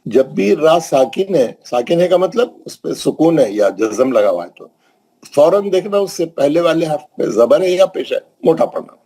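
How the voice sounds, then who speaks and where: A man teaching Quran recitation rules, asking questions and answering them, with slow drawn-out recited examples. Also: fairly high pitch, very animated, warm tone, breathy edge, poor audio. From Hyderabad, India. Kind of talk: classroom tajweed lesson.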